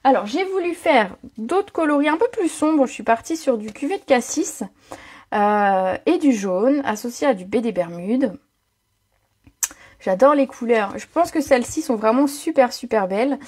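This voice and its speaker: A woman's voice: fairly high pitch, lively intonation, normal speed, darkish tone, husky. A woman hosting a live card-making tutorial, chatty and full of fillers, greeting viewers by name as she demonstrates. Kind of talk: live-streamed craft tutorial. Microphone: home setup, own mic.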